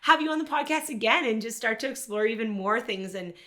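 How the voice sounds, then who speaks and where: Bright-voiced woman co-hosting a podcast. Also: on the high side, animated, brisk. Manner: warm, appreciative. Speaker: podcast co-host. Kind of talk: casual interview chat.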